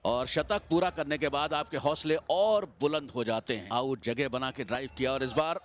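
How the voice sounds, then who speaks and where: A man giving excited, emphatic cricket commentary as a match commentator. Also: medium pitch, moderate pace, background noise. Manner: emphatic, animated.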